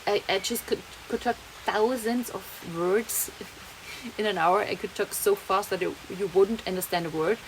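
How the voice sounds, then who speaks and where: Rain falls in the noisy background as a chatty young vlogger with a German accent rambles on in a casual monologue. She drops German words into her English and laughs often, and her mid-range voice holds a steady tone at normal speed.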